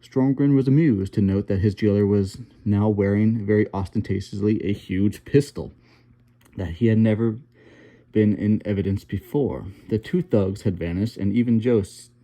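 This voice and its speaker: Low, very mellow-voiced male audiobook reader. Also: moderate pace. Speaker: audiobook narrator. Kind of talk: reading a novel aloud.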